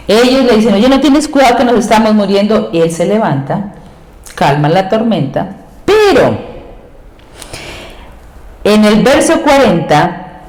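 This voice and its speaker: Impassioned woman preaching in an echoey room. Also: a little mellow. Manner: impassioned, acts out quoted pleas in a high voice. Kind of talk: sermon. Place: church.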